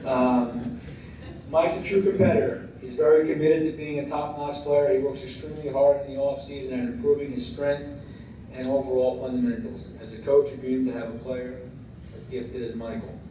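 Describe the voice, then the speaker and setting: American guy coach doing an awards speech, kinda halting, super echoey room w/ clear noise behind him. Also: mid-range voice, fairly even intonation, dark tone, distant mic. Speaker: high school baseball head coach. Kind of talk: semi-scripted tribute speech at an awards event. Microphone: distant microphone.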